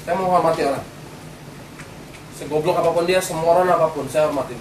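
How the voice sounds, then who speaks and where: A man's voice: fairly high pitch, fairly even intonation, fairly quick, darkish tone. A man giving a motivational business seminar talk in a casual way, often asking the audience rhetorical questions. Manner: colloquial, keeps quizzing the audience with rhetorical questions. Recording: roomy hall, distant mic, background noise.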